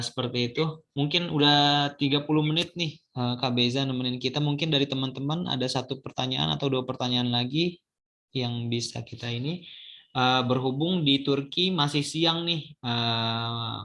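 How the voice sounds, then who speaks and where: A woman's voice: rumbling low, moderate pace, fairly bright tone. A woman hosting a casual online talk.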